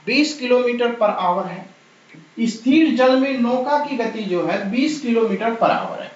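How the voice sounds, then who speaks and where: A man's voice: very high voice, fairly bright tone. A male math teacher, talking through exam problems step by step and repeating the numbers aloud in an encouraging way. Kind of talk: exam-prep math lesson. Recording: very echoey, dull lo-fi room sound.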